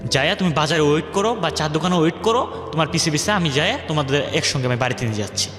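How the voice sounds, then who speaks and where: On a radio show, a young man rambles through his life story, acting out what other people said, in a slightly high, bright voice with lively intonation and a very fast pace. The recording has an echoey, hall-like reverb with background music running underneath.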